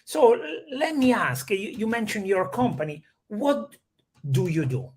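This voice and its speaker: An interviewer asking short, brisk questions and cutting in with quick prompts. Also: mid-range voice, very animated, a little mellow, husky.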